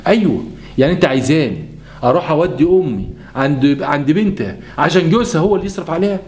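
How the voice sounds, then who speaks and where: A man's voice: a little high, lively intonation, quick pace, a little mellow, voice pushed down, lightly acted. A man voicing a patient, weary Egyptian son caught between his wife and mother. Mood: weary, reasoning. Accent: Egyptian Arabic. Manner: reasoning, weary. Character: torn, patient adult son and husband.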